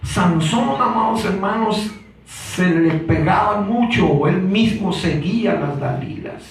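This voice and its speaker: A man preaching a Pentecostal sermon, repeating "brothers" constantly and building to shouts. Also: sits high, slow, a little hiss or hum. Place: church hall. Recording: very echoey church from a distance.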